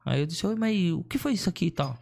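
A man with a fairly high voice rattles through a comic story at a rapid clip. He is slangy and animated, slipping into the voices of the people he quotes. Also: creaky. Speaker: comedian. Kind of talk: casual storytelling chat.

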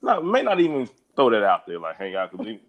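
A man's voice: on the low side, wildly swooping pitch, a little fast, highs cut off. A young adult man chatting casually as a podcast guest, laid-back and slangy, rambling with lots of restarts. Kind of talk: casual chat.

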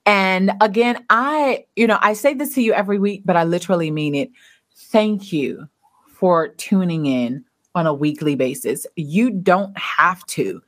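A woman's voice: on the low side, unhurried. A woman hosting a podcast, talking in a playful, upbeat, teasing way and laughing often. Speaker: podcast host. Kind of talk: warm casual podcast outro.

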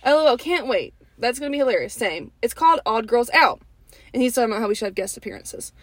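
Lively young woman, animated and high. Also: quick pace, no echo. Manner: animated, argumentative, laughs often. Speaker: podcast co-host. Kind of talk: casual chat.

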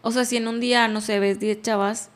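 A woman with a Mexican accent in a relaxed conversation, talking freely and laughing easily. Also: a little high, a little fast. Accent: Mexican Spanish. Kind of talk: casual chat.

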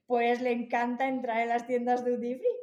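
A woman from Spain in her forties, a mother telling a family story in a lively way. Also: a little high, normal speed, roomy sound, highs cut off, a crowd in the background. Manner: animated, acts out quoted voices. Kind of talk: casual storytelling.

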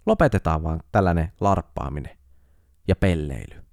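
A man's voice: deep voice, creaky. A young man hosting a comedic solo podcast, telling stories sarcastically and acting out quotes. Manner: sarcastic, animated storytelling with acted-out quotes. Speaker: podcast host.

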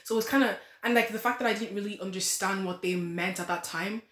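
An eighteen-year-old nursing student guests on a podcast, rambling casually through the interview chat with many restarts and soft laughs. She has a mid-range voice and talks fast, and the recording has a roomy echo.

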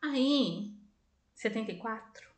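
A woman with a high voice chats her way through eerie stories. She is animated, laughs a lot and puts on voices for the people she quotes. The recording has a roomy echo. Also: takes it slowly. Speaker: podcast co-host. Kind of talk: casual storytelling chat.

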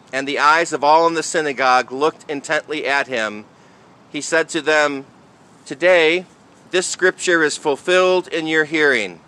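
A man speaking as a priest in a liturgical reading and homily style, with measured, deliberate phrasing. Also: a little high, bright, forceful tone. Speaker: priest reading the Gospel and preaching.

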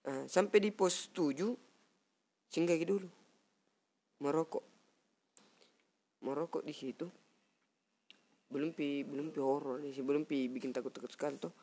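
A man's voice: fairly high pitch, normal speed, long pauses, slightly rough. Young man with a makassar accent telling a tale. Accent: Makassar Indonesian. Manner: animated, mimics sounds and acts out friends' lines. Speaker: guest storyteller. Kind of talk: casual storytelling chat. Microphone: cheap headset mic.

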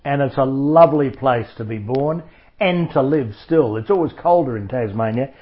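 A man interviewing a guest on community radio, introducing her in a formal, warmly effusive way. His voice sits at an ordinary pitch. The recording sounds a little dull and lo-fi. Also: normal speed.

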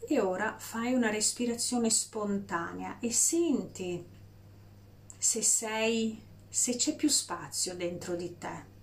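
A woman guiding a breathing meditation in a slow, soft, soothing voice with long pauses. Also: medium pitch. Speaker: meditation guide.

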